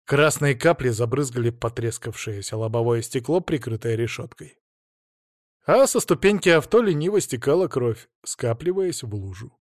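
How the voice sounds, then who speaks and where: A man narrating a fantasy novel in the first person with brisk, vivid delivery. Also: medium pitch, expressive, dry recording, studio quality.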